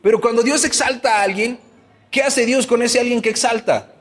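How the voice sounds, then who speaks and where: A man's voice: very high voice, moderate pace, long reverb tail. A man preaching a sermon as pastor, asking his congregation many questions and acting out everyday complaints.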